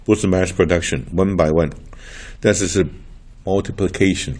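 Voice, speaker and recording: A man's voice: low voice, steady tone, moderate pace, a little mellow. An older man from Taiwan preaching in a chatty, storytelling way, laughing often and mixing in English words. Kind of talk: sermon with personal stories.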